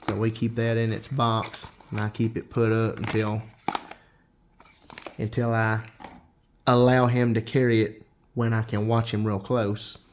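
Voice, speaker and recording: A man hosting a casual show-and-tell vlog, folksy and unhurried, with frequent restarts. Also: lowish voice, level tone, slight background noise. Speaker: knife channel host.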